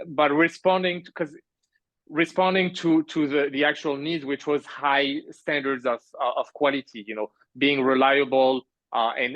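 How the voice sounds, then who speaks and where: Calling in remotely at night from an island, this thirtysomething Frenchman is a podcast guest in a casual conversational interview, rambling about his life with lots of fillers, restarts, and frequent laughter. His voice is medium-pitched and a bit bright, with no room sound and dull audio.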